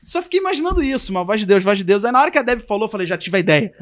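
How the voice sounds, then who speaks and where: A young man tells a story in a relaxed, casual chat. His voice sits high and his words come fast, and he slips into the voices of the people he quotes. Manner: animated, acts out quotes and voices. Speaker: podcast guest.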